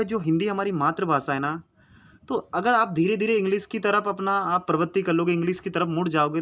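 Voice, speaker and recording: A man's voice: high voice, fairly bright tone. A man teaching exam memory tricks in a chatty, coaxing way. He repeats his mnemonics over and over and keeps calling his viewers friend. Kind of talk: casual chatty Hindi lesson. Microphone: phone recording.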